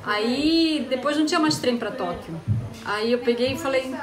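A woman's voice: high voice, moderate pace, roomy sound, a crowd in the background. A woman with a Brazilian accent animatedly telling a personal story in casual chat, acting out the dialogue. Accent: Brazilian Portuguese. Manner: animated, acts out dialogue, laughs often. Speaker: storyteller guest. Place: home in Japan.

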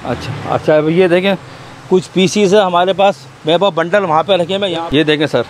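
Man, 30s, shopkeeper sales pitch, a bit high-pitched, faint noise behind. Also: steady tone, a little fast. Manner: eager, repetitive product praise. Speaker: cloth shopkeeper. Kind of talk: sales pitch to a video host. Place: cramped indoor fabric warehouse.

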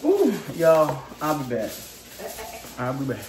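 This young vlogger's voice is low-pitched and darkish, swooping wildly in pitch while she speaks slowly. She hosts a casual home cooking video, chatting and teasing her viewers directly, her arm tired from mixing. Echo and background noise fill her home kitchen recording.

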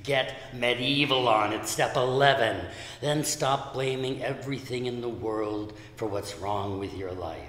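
A man's voice: medium pitch, measured pace, fairly bright tone. A middle-aged man performing spoken word poetry in a wry, playful manner. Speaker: poet. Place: community room, indoors. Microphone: stand mic. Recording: echoey room with long reverb.

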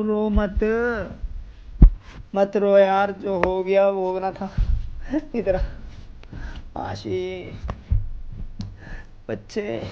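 Young man pleading softly, dull audio. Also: sits high. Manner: pleading and soothing, repeats pet names. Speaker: prank video host. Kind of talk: staged prank conversation. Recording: dull audio with faint noise.

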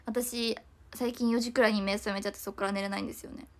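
Fast-talking young woman livestreaming. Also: medium pitch, flat delivery. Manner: fast, chatty, frequent apologies. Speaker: idol livestreamer reading comments. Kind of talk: casual livestream chat.

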